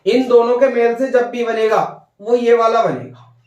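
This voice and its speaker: Male grammar teacher, high voice, slightly off-mic; patient and repetitive, keeps checking in with his students. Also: fairly even intonation, normal speed, darkish tone, reverberant, recorded from a distance, highs cut off. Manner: repetitive, checks understanding with "ठीक है" and "भैया". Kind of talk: whiteboard grammar lesson.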